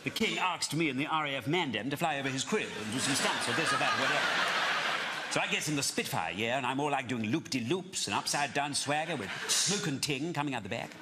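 A middle-aged British actor playing a boastful RAF pilot who talks deadpan youth street slang in a live stage comedy sketch. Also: male voice, mid-range voice, quick pace, natural voice. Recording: live theatre stage, loud audience noise.

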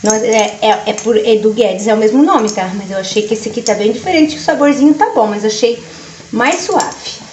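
A Brazilian woman in her forties chats casually through a home cooking vlog, filmed by a camera across her tiled kitchen. Her voice is fairly high, brisk and a little mellow, and she keeps saying "gente" and "ó." The kitchen sounds echoey, with cooking noise in the background.

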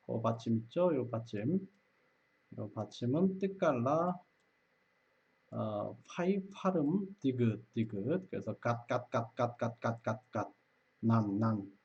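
Older man drilling pronunciation slowly. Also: mid-range voice, vocal fry, highs cut off. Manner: repeats syllables slowly, drilling learners; mixes in Vietnamese words. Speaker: Korean teacher. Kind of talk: pronunciation lesson.

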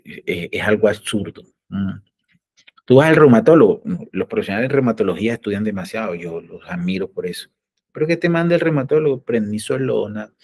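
A man, a doctor hosting a live health stream, talks in an animated, preachy way and acts out the voices he quotes. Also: fairly low pitch.

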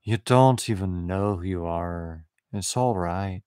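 A man's voice: sits low, mellow, clear, resonant tone, no room sound, clean studio sound. A man giving a meditative spiritual talk, repeating short affirming phrases over and over. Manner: slow, repetitive, affirming phrases. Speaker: spiritual teacher.

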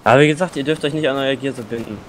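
A man chatting quickly and excitedly while playing a survival game with friends, cursing when things go wrong. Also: mid-range voice, crowd noise. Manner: fast, excitable, swears under pressure. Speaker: gamer. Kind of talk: casual gameplay chat.

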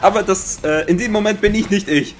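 A young man with a Bavarian accent giving excitable Let's Play commentary, swearing often and making sound-effect noises. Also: high-pitched, brisk, slight background noise. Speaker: gaming commentator.

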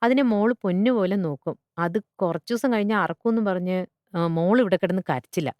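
A woman's voice: mid-range voice, a little fast, dry recording, dull audio, natural voice. A woman voicing a weary, coaxing schoolteacher. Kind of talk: storybook character voice.

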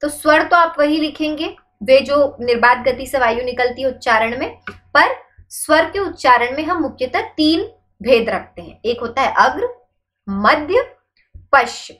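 A woman's voice: high voice, expressive, unhurried, a bit bright. A young woman teaching a grammar lesson for exam preparation, asking questions and answering them herself and repeating key points to be memorized. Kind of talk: exam-prep grammar lecture.

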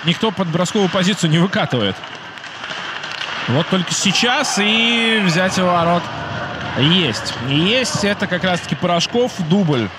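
A man's voice: high-pitched, lively intonation, moderate pace, over a noisy crowd, heavy background noise. A man doing live play-by-play commentary on an ice hockey game.

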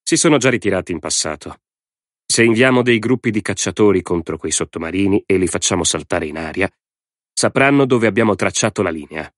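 A cool navy admiral who speaks in a flat, firm tone, as a male reader voices him. Deep and close, with a dry sound. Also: a little fast, no echo. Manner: flat, even.

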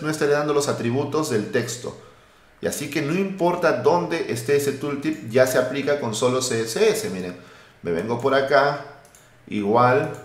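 A man teaching a live coding lesson, talking lively and thinking aloud while he types. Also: mid-range voice, slight background noise. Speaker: web development instructor. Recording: roomy echo.

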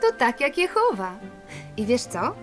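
A woman's voice: a little high, big pitch swings, a little slow, over music. A woman voicing a patient, preachy cartoon mother who explains things soothingly.

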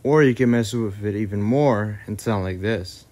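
Man, slightly low voice, casual tutorial host, upbeat, demonstrating effects. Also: normal speed, heavy background noise.

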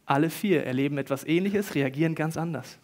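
Animated man preaching a sermon. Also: a little high, a little fast. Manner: animated storytelling, acts out quoted voices, swings between loud bursts and quiet. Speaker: pastor.

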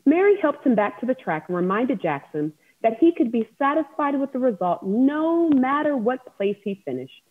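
A woman in her thirties, an author and event host, runs a children's story time over a video call from a room at home, sounding encouraging and teacherly. Her high voice swings widely in pitch at a normal speed with hardly any pauses, and the wireless-earbud audio sounds dull.

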